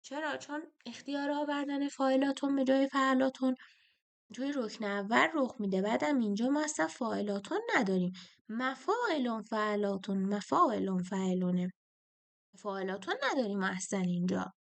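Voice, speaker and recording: Gravelly-voiced Persian literature teacher, woman. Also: high-pitched. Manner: chants meter feet slowly. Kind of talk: explaining a test question.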